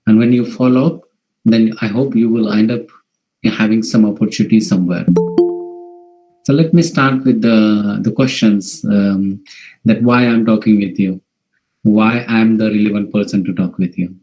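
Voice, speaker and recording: A man from India, a native Marathi speaker with a Marathi accent, gives an informal online presentation in a halting way, often repeating and rephrasing. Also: on the low side, steady tone, warm tone, faint music behind, poor audio. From Maharashtra, India. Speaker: workshop presenter. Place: video call.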